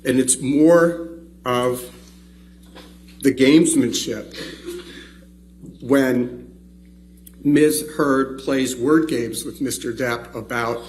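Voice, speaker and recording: A man's voice: mid-range voice, steady tone, drawn-out words, long pauses, darkish tone, rough recording. A man arguing as a trial attorney, heard in a courtroom recording, emphatic and indignant, often doubling words as he presses a point. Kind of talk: formal courtroom argument.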